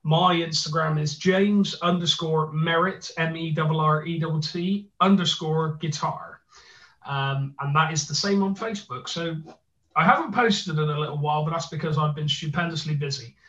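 A man with a gruff voice and a Bristolian accent, co-hosting a podcast in a jokey, playful, casual way. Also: fairly high pitch, normal speed, bright, forceful tone. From Bristol, England. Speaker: podcast co-host. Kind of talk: casual chat, plugging and bantering. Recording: roomy echo, distant mic, slightly dull.

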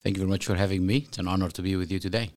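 A man's voice: sits low, flat delivery, very fast, a little mellow. A man from Egypt, a guest author speaking earnestly in a podcast interview, with many fillers and restarts.

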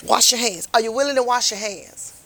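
A woman giving an impassioned, folksy Bible lesson, swinging between loud preaching and hushed asides. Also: fairly high pitch, brisk. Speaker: Bible teacher for a prison ministry.

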